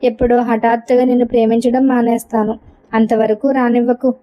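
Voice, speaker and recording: A woman's voice: fairly high pitch, level tone, fairly quick, dark tone, natural voice. A woman reading as a fed-up young housewife. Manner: sarcastic, complaining. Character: young housewife, sharp-tongued and exasperated. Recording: dull lo-fi recording.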